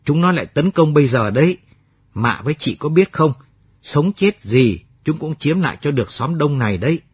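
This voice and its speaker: An urgent young army officer, read by a man in a late-night radio story. He pushes hard and fast with a husky, lively voice. The sound is dry and close. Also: mid-range voice, dry recording. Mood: urgent, pressing. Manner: urgent and pressing.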